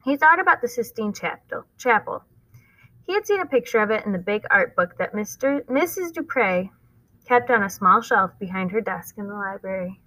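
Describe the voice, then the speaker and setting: A woman's voice: mid-range voice, animated, moderate pace, pushed and bright, dry recording, poor audio. A woman teacher reading a novel aloud to her class and stopping to explain it in plain, casual words.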